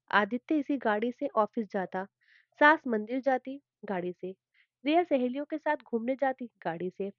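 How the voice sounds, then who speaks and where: A woman's voice: sits high, no room sound, lo-fi sound. A woman telling a family drama story as a narrator, reading all the characters' lines in her own voice.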